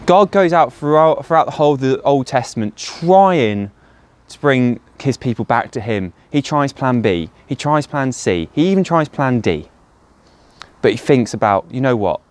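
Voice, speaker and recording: A man with a medium-pitched voice and lively intonation delivers a short devotional talk as a church speaker, to camera or listeners, at a moderate pace. He explains things earnestly and poses rhetorical questions.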